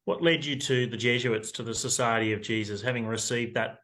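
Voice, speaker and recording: A man hosting an interview, asking gentle, probing questions with some restarts. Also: mid-range voice, fairly even intonation, fairly quick. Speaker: interview host. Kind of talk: conversational interview.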